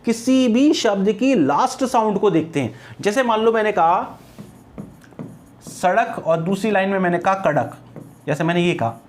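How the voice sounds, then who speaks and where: A man teaching an exam-prep class, asking his students questions and then answering them himself. He slows down carefully to spell out words and examples, then moves on in a steady classroom voice. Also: high voice. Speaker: English teacher.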